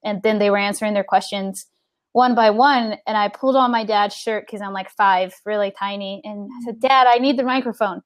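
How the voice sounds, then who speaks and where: A woman's voice: medium pitch, normal speed, no echo. A woman guest telling a personal story in a casual interview, acting out the voices of the people in it. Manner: animated, acts out the people in her story.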